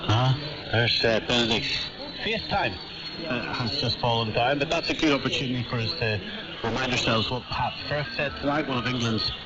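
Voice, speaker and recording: A man's voice: medium pitch, normal speed, lo-fi sound. A man hosting a live news discussion, presenting headlines and putting questions to panel guests. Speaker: host.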